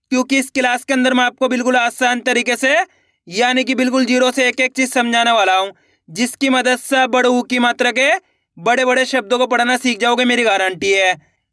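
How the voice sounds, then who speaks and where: High-voiced man teaching letters slowly. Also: sharp tone, no room sound, clean studio sound. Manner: slow, drawn-out syllables, repeats questions and answers to the viewer. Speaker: Hindi reading teacher. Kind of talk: classroom-style video lesson.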